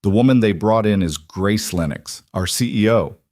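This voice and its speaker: A wealthy executive in his forties speaks in a curt, impatient manner, as a storyteller reads his lines. The voice is low and the sound dry and close. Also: moderate pace, a little mellow, no room sound, natural voice. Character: wealthy middle-aged male executive, brusque.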